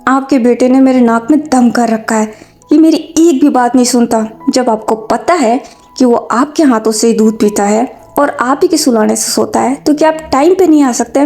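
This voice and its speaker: A woman's voice: a little high, normal speed, mellow, close to an everyday voice. A woman voicing a hot-tempered young man who nags and scolds a stubborn child in a fanfiction story. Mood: exasperated scolding. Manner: scolding, nagging, exasperated.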